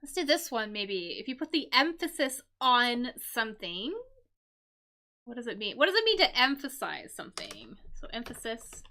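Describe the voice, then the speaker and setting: A woman hosting a live-stream English lesson, explaining crossword clues slowly with many fillers and repeated "right?". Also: high voice, bright, forceful tone. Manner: slow, repetitive explaining with frequent fillers and "right?".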